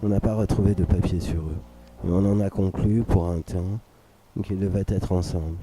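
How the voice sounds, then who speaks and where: Deep voiced guy narrating a serious radio story, really mellow, pretty flat delivery, measured and literary. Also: low-quality recording. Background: music under the voice.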